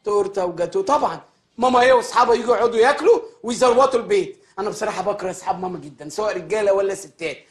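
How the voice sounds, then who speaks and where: An actor with an Egyptian accent playing a spoiled, childish, rude grown man in a TV comedy, talking very fast and whiny. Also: sits high, soft background music, natural voice. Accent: Egyptian Arabic. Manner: petulant, rapid, complaining. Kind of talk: TV comedy series acting.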